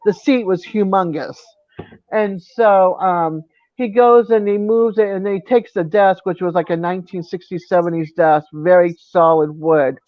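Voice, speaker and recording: Male live-chat co-host, high voice, dry lo-fi audio, lively storyteller. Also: unhurried, dry recording. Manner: animated storyteller, laughs often. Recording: dry, dull lo-fi sound.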